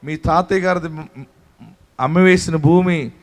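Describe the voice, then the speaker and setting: A man pastor preaching a sermon, leading the congregation in song and shouted praise, then telling a story from his church. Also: on the high side, fairly even intonation, unhurried. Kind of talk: sermon with worship singing.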